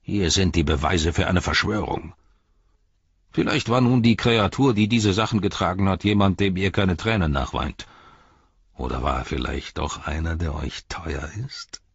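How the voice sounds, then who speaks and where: A man voicing a sneering dark herald. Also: sits low, moderate pace, husky, dry recording, muffled recording. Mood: menacing. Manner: taunting, scornful, gloating. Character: sneering, mocking male herald of a dark lord.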